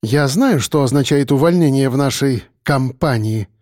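Мужчина озвучивает хладнокровную насмешливую женщину-убийцу, говорящую спокойно и ледяным тоном. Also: female voice, a bass voice, normal speed, dry recording, studio quality. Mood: mocking. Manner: calm, icy, mocking. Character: cold, mocking female killer.

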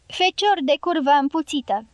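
A woman voicing a male enemy soldier who shouts drawn-out taunts from behind rocks in an audiobook. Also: sits high, animated, no room sound, pitched above the performer's own voice. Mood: taunting.

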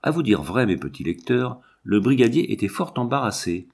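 A man narrating a children's storybook aloud, with an expressive, lively reading. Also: mid-range voice, moderate pace, breathy edge.

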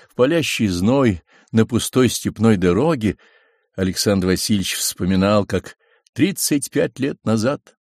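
A man narrating a biography audiobook in a measured, expressive reading on a close studio mic. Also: fairly low pitch, no echo.

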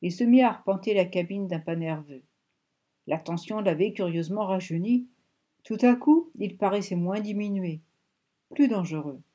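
Woman narrating with a mellow, dark voice. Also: mid-range voice, moderate pace. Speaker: audiobook narrator. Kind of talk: scripted narration.

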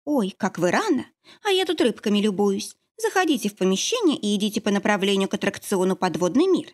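A woman reading an audiobook, voicing a heroine who fakes a squeaky, sugary young woman's voice and chatters sweetly. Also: big pitch swings, brisk, darkish tone. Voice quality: squeaky, syrupy. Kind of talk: audiobook character voice.

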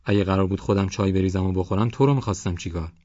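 A man reading an audiobook, voicing a gruff, swaggering male village headman with a husky, sleepy voice and a bossy, boastful manner. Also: low-pitched, fairly even intonation, warm tone, no echo, muffled recording. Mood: scolding.

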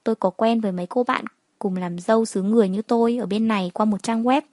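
A woman's voice: a little high, steady tone, fast, a little mellow, no echo. Young woman telling a story. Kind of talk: first-person story narration.

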